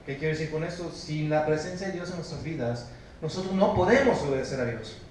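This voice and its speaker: A man with a Mexican Spanish accent preaching a sermon as pastor, emphatic, moving between loud exhortation and low, hushed stress while questioning his congregation. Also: brisk, slight background noise. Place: church sanctuary. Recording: very echoey church recorded from a distance.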